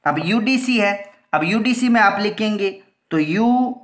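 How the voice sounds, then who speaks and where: A woman teacher explains a grammar lesson at a medium pitch, slowly and patiently. She repeats each point and asks herself questions before answering them. Her voice rings in an echoey room. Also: expressive, a bit bright.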